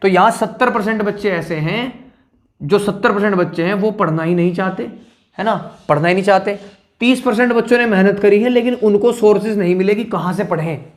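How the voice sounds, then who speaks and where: A man's voice: high-pitched, a little fast. A male teacher giving exam advice to students in a blunt, scolding way, checking in with them again and again. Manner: blunt, scolding, keeps asking "ठीक है ना".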